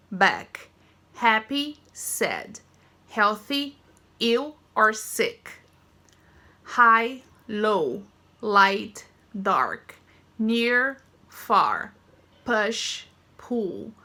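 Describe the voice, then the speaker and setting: Bright, slow-speaking woman teacher. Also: mid-range voice. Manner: clear, deliberate word-by-word reading. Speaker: English teacher. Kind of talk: online English lesson.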